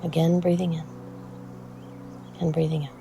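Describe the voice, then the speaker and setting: This meditation guide has a mid-range voice that stays at a level tone, with slight background noise. Speech is soothing and unhurried, broken by frequent pauses, and the voice is soft and occasionally breathy.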